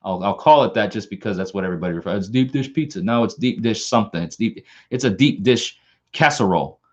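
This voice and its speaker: He talks fast in a lowish, animated, slightly mellow voice, captured with lo-fi sound. The man hosts a casual live stream, rambling with plenty of restarts and repeated words, and his accent is from his home of Long Island, New York.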